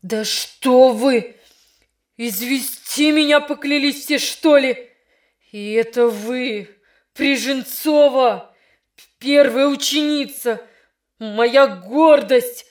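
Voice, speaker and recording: A woman's voice: mid-range voice, animated, a little slow, natural voice. A woman voicing a middle-aged male teacher, strict and scolding in formal speech, kind underneath but worn out by his class. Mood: exasperated.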